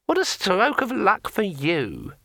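A man voicing a pushy, chatty male magic sword in a thin, high, ringing voice, drawn out and bossy. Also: huge pitch swings, takes it slowly, gravelly, bright, forceful tone, dry recording, studio quality, exaggerated voice. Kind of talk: audiobook character voice.

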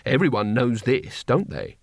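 A man's voice: mid-range voice, sing-song, a little slow, vocal fry, no echo, clean studio sound, exaggerated voice. A man doing a nervous, improvising wizard. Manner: hesitant, thinking aloud.

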